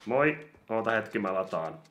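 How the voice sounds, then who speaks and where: A man doing casual gameplay commentary on a mobile game, excitable and given to sudden yelps when startled. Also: on the low side, very noisy. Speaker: gaming YouTuber.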